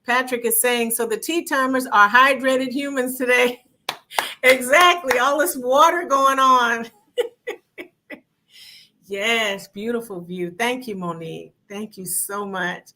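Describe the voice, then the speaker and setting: Upbeat woman co-host, bright voice, a little higher-pitched, reads out viewer comments. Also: takes it slowly. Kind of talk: livestream hosting.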